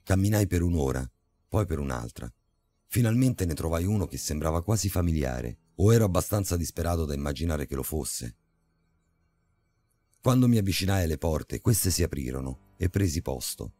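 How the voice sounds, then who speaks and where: A man narrating a scripted horror story in a dramatic, measured way. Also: low voice, expressive, dark tone. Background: faint music.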